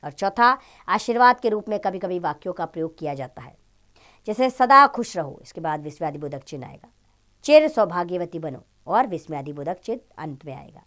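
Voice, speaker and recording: A woman teaching a grammar chapter to schoolchildren. Her pitch rises and falls a lot. She gives each example exclamation its own feeling. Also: a little fast. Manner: expressive, acts out example exclamations. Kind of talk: Hindi grammar lesson for children.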